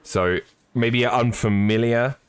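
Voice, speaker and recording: A man's voice: mid-range voice, fairly even intonation, measured pace, smooth, dry recording. A man giving live, chatty sim racing commentary with jokey, apologetic asides.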